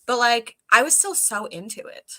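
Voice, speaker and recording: Animated bright-voiced woman chatting. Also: on the high side, normal speed. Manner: animated and giggly, says "like" a lot. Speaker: co-host of reading sprints. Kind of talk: casual livestream chat. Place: at home.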